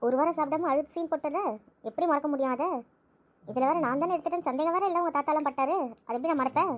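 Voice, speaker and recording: Gossipy young woman, high voice, rapid chatter played by a woman. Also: lightly acted. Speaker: voice actor in audio drama. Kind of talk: amateur audio drama acting.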